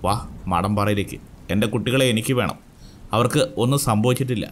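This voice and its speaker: A man's voice: lowish voice, a little fast, natural voice. A man voicing a desperate, grieving adult man who pleads in anguish, read within a thriller story.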